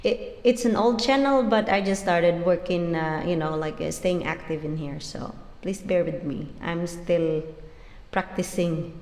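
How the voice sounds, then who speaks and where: A woman's voice: fairly low pitch, unhurried, a little mellow. A woman from the Philippines with a Filipino accent hosts a casual live stream between cover songs. She chats, switches between languages and laughs often. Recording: roomy with music behind.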